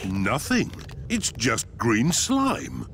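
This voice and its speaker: A man's voice: mid-range voice, wildly swooping pitch, drawn-out words, full character voice. A man voicing a cheerful, blustery father pig with a big tummy in a children's cartoon. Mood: jolly. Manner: cheerful, blustery and good-humoured. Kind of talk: cartoon voice acting.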